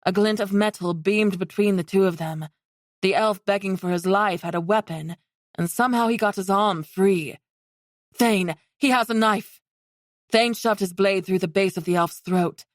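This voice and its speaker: A woman narrates a fantasy audiobook in a steady, even storytelling voice at a middle pitch. The sound is close and dry, with no room around it. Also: moderate pace, dry recording. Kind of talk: scripted narration.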